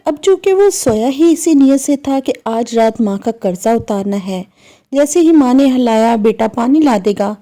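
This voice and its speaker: Mellow-voiced woman telling a moral story. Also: high-pitched, animated, normal speed. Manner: earnest, emotive storytelling with acted dialogue.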